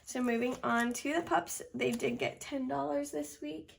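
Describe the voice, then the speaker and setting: Casting: young woman, higher-pitched, a bit winded, casual how-along narrator who tallies numbers aloud. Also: moderate pace, gravelly, a little hiss or hum. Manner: counts amounts aloud step by step. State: slightly out of breath. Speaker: budgeting video host. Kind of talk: casual narration of a hands-on task.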